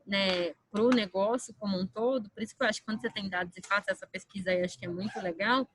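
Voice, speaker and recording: A woman's voice: medium pitch, quick pace, fairly bright tone, a little hiss or hum, rough recording. A Brazilian woman speaks in a medium register. She explains her workplace view as a participant in an online discussion. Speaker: company employee, roundtable participant.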